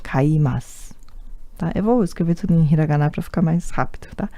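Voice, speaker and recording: A woman's voice: fairly low pitch, quick pace, dark tone, dry recording. A woman with a Brazilian Portuguese accent teaching an online language lesson, patient and repetitive, often checking in with the listener. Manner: patient, repeats words often, tag questions. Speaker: Japanese teacher.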